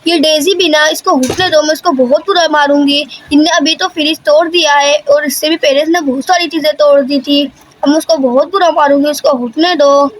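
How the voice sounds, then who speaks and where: A woman's voice: high voice, steady tone, normal speed, lightly acted. Woman playing a stern scolding cartoon mother. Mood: angry.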